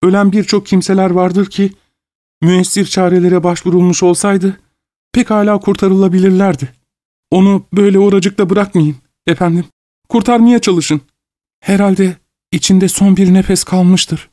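A man voicing a desperate grieving woman of about fifty, pleading in a frantic high-pitched voice. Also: steady tone, moderate pace, mellow, dry recording, clean studio sound, lightly acted.

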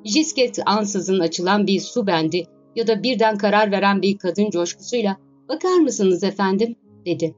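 Female narrator, steady storyteller, slightly dull lo-fi recording with faint music behind. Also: mid-range voice, moderate pace, hardly any pauses. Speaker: audiobook narrator. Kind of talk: scripted narration of a classic novel.

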